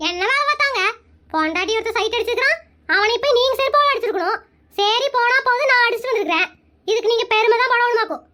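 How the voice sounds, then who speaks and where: A performer voicing a bold, sharp-tongued village wife in an animated comedy cartoon, answering back with quick defiant comebacks. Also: extremely high pitch.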